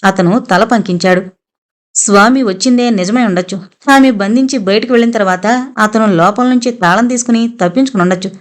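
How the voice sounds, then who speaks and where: A woman narrating a suspense novel as an audiobook, in a steady, even storytelling manner. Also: medium pitch, a little fast.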